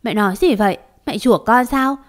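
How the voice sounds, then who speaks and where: A woman's voice: fairly high pitch, moderate pace, natural voice. Woman voicing a defiant indignant young wife.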